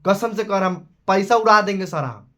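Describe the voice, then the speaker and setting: A man's voice: high voice, a little fast, fairly bright tone. A young man with a Bihari accent teaching maths in a live class, chatty and scolding, calling his students beta. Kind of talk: casual Hindi live class.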